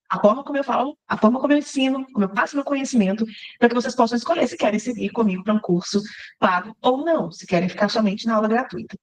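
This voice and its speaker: A woman, teaching a live online class. She talks quickly and keeps up a chatty, encouraging flow, often checking in with her listeners through a video-call microphone. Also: fairly high pitch. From Minas Gerais, Brazil. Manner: chatty and encouraging, with frequent tag questions to the class. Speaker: workshop instructor and cultural producer.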